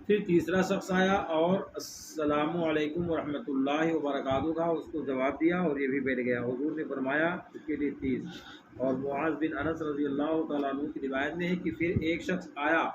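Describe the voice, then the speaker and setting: Man leading a call-and-response religious lesson. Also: on the high side. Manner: asks the listeners questions and has them repeat phrases. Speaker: religious teacher. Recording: muffled with steady background noise.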